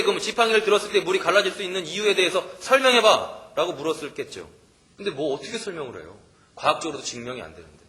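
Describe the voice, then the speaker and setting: A man's voice: sits high, bright, forceful tone. A male pastor preaching at a church service, asking the listeners questions and chuckling often. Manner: asks the listeners many questions. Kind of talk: sermon.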